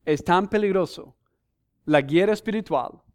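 High, clear-voiced missionary preacher man. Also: measured pace, darkish tone. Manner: earnest, emphatic, asks the congregation questions; lists numbered points with scripture references. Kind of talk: sermon.

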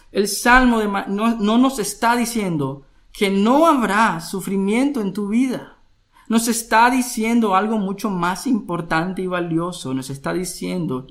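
High-voiced man preaching a sermon. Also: a bit bright. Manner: earnest, asks many questions, slows down to stress points. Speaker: pastor.

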